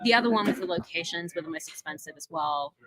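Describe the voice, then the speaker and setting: A woman's voice: fairly low pitch, fast, crowd noise, rough recording. Chatty Australian woman filmmaker. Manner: chatty, lots of fillers and laughs. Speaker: filmmaker and voiceover actor. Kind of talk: casual interview.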